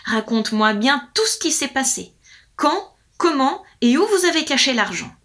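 A woman voicing a harsh, domineering male lord in a storybook reading, with stern shouting. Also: high-pitched, very animated, moderate pace, pitched above the performer's own voice. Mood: angry, harsh.

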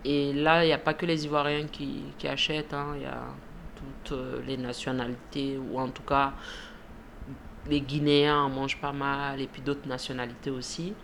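A woman in her thirties from Ivory Coast who runs a shop is heard in a radio interview, answering with hesitation, frequent fillers and laughs. Her bass voice keeps a level tone at normal speed, with a little hiss or hum in the background.

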